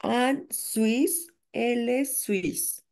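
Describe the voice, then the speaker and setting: A woman student in an online class who reads sentences aloud haltingly and unsure of herself. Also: a little high, a little mellow.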